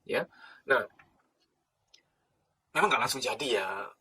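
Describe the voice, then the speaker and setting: A middle-aged man from Indonesia, a psychologist giving a passionate lecture, animated and swinging between loud pleading and soft hushed asides. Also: mid-range voice, slow pace, husky.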